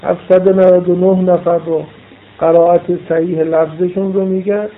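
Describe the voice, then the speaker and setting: Male seminary-style lecturer, high voice, patient letter-by-letter explanations, phone-thin sound. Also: flat delivery. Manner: explains pronunciation letter by letter, repeating for emphasis. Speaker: religious studies teacher. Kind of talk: lecture reading and explaining a classical Arabic text. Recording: tinny phone-like audio.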